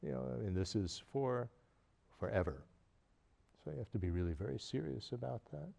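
A man with a gravelly, creaky voice gives a relaxed dharma lecture. He speaks at a middle pitch, pauses often on fillers and searches for words. He slips small chuckles into his anecdotes. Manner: hesitant, many fillers and pauses; storytelling with frequent chuckles. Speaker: Buddhist teacher.

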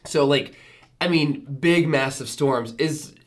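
Chatty bubbly woman host. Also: low-pitched. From Southern California. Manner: bubbly, chatty, lots of fillers and quick restarts. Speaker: podcast host. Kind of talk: casual chat.

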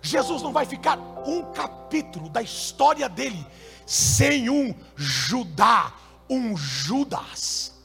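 A man preaching from the pulpit, his voice unusually high and bright, with a gravelly fry at the edges. He swings between fervent shouting and hushed storytelling, with faint music behind him. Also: sing-song, takes it slowly. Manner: shouting, preaching with sudden drops to soft storytelling. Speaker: pastor. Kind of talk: sermon.

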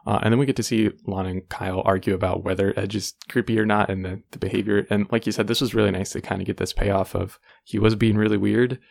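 Male podcast co-host, low gravelly voice, relaxed episode-recap chat. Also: quick pace, few pauses. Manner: relaxed, recaps plot with fillers.

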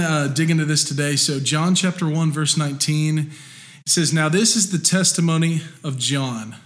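Guy preaching, kinda high-ish voice, super casual, lots of um and like. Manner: conversational, many fillers and restarts. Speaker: pastor. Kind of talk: sermon.

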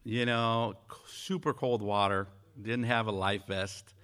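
A man from Mexico giving a conversational church sermon, earnest and halting as he speaks. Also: on the low side, fairly even intonation, fairly bright tone, smooth. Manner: earnest, halting with frequent fillers. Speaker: pastor.

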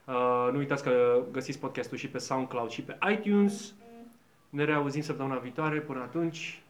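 A man hosting a comedy podcast, wrapping up with relaxed chat and a lot of hesitant fillers. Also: mid-range voice. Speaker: podcast host. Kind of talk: casual chat. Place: indoor studio.

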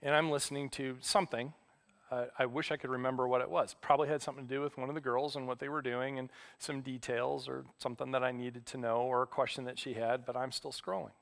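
A middle-aged man preaching as a pastor, telling stories in a relaxed, self-deprecating way. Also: medium pitch, quick pace, vocal fry. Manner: conversational, self-deprecating storytelling. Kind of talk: sermon.

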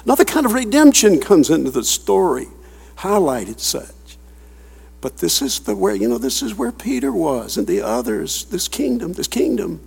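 A man with a high, gravelly voice preaches with great animation, swinging widely in pitch as he reads scripture and breaks off into chuckling asides. His tone is husky rather than clean. The sound rings out with a long reverb, as in a big church hall. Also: normal speed. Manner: animated, chuckling asides, asks the congregation questions. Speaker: pastor. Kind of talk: expository sermon reading and commenting on scripture.

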